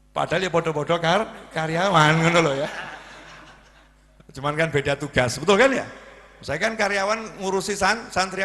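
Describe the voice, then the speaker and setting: Bright-voiced Javanese preacher in a reverberant hall. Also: male voice, on the high side. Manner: lively storytelling, acting out dialogue. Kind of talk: humorous sermon. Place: religious gathering hall. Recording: long reverb in a large hall.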